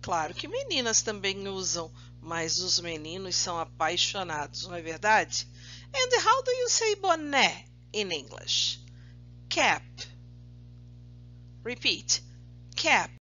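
A woman teaching children English in a recorded remote lesson, drilling each word slowly and praising them often. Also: mid-range voice, pushed and bright, lo-fi sound. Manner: slow, drawn-out drilling of words, praising often. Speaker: primary school English teacher.

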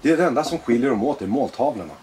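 A man being interviewed as a guest, talking in a blunt, animated, profane way. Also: medium pitch, a little hiss or hum. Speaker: guest, former extremist. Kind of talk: personal interview conversation.

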